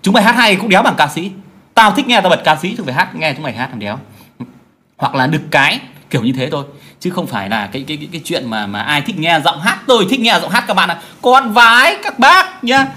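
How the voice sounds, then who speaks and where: A man's voice: fairly high pitch, lively intonation, fast talker, bright, forceful tone. A man ranting bluntly and crudely to his viewers as a self-styled teacher, mocking them and asking "right?" again and again. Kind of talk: profane rant monologue.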